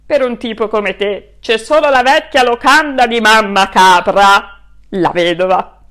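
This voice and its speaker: A woman's voice: fairly high pitch, measured pace, a bit bright. A woman voicing a blunt, dismissive passerby in a storybook, speaking curtly.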